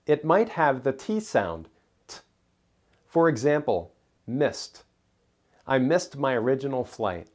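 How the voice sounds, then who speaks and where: Slow, deliberate male pronunciation teacher. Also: medium pitch, sing-song. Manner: careful, deliberate enunciation of single words. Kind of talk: scripted instructional narration.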